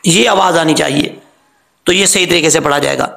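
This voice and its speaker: A man teaching Quran pronunciation, who explains a rule and then stretches out each sound slowly to model it. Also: a little high, creaky, bright, forceful tone, echoey room. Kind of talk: tajweed lesson.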